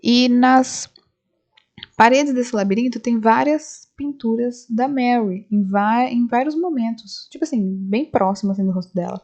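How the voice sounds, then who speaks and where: A woman's voice: fairly high pitch, measured pace, a little mellow. A woman casually retelling a film scene by scene for her channel, acting out the characters' lines as she goes. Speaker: film reviewer. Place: home, right after the cinema. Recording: slightly dull lo-fi sound.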